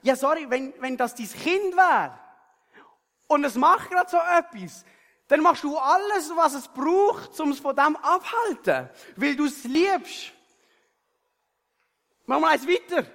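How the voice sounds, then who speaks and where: A male pastor with a Swiss German accent preaches in a lively storytelling way, checking in with the congregation after nearly every sentence. His voice sits very high and swings widely in pitch. The sound carries the long reverb of a large hall. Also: measured pace, gravelly, pauses often. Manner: lively storytelling, frequent tag questions. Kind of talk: sermon with a personal story.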